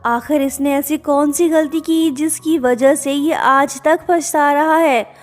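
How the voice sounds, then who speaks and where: A woman's voice: sits high, fairly even intonation, slow. A woman narrating a drama recap in a casual, conversational storytelling way, dropping English words into her sentences. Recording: reverberant with background music.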